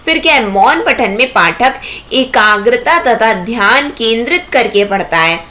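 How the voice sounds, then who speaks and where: Woman, teacher, exam-prep lecture, bright clear voice, slightly high, keeps asking rhetorical questions. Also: lively intonation, a little slow.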